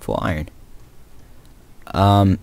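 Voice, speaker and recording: A man's voice: low voice, fairly even intonation, extremely slow, a little mellow, no echo. A teenage boy telling a rambling story in a casual way while playing a video game, with lots of fillers and restarts. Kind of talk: casual storytime over gameplay commentary.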